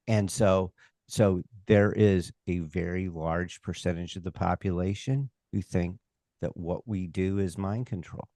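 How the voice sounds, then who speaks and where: An American man with a fairly low voice speaks very slowly and emphatically in casual interview talk. He is opinionated, halting to restart and throw in rhetorical asides, and the sound is close and dry. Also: steady tone, mellow, no room sound. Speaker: stage hypnotist and comedy performer, interview guest.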